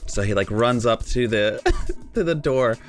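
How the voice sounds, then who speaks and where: A man narrates his character's actions in a casual tabletop game. His delivery is giggly and very lively in pitch, with faint music underneath. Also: unhurried. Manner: giggly, animated.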